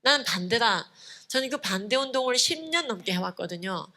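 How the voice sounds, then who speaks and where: Bright-voiced woman giving an emphatic lecture. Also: fairly high pitch, quick pace. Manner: emphatic, lively storytelling with frequent "예" asides. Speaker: guest lecturer at a church conference. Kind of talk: conference lecture to a church audience.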